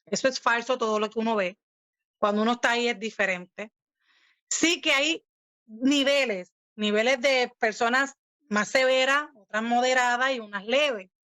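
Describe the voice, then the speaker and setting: Puerto Rican woman, testimony storytelling, animated, sharp bright tone, dry close sound. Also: fairly high pitch, normal speed, dry recording. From Puerto Rico. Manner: animated storytelling, acting out quoted lines with rising force. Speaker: guest sharing her testimony. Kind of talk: personal testimony in casual talk.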